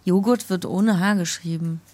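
A woman's voice: on the low side, normal speed, darkish tone, no echo. Blunt, playful woman in casual chat. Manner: blunt, playful, laughs often.

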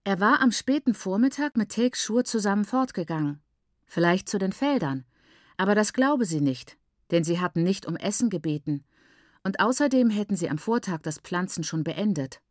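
Reading a novel aloud, this audiobook narrator is a woman with a mid-range voice who keeps her scripted storytelling measured and even. The recording has studio quality and no room sound.

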